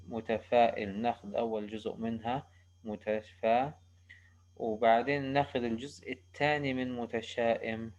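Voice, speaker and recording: A male university lecturer, explaining slowly and haltingly in English and switching quickly into for examples. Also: mid-range voice, darkish tone, muffled recording. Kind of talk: recorded lecture.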